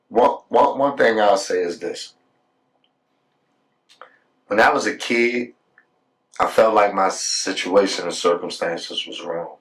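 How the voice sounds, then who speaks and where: A man's voice: deep voice, distant mic, rough recording. A man telling his life story in a casual podcast talk. He often repeats words when he gets heated and keeps asking "you know what I'm saying". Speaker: podcast guest.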